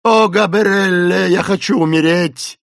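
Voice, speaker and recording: A man's voice: unhurried, gravelly, fairly bright tone, no room sound, clean studio sound, exaggerated voice. A man voicing a terrified, hysterical elderly woman servant in an audiobook, wailing and pleading. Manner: shrill wailing pleas, sobbing cries. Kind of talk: audiobook character voice.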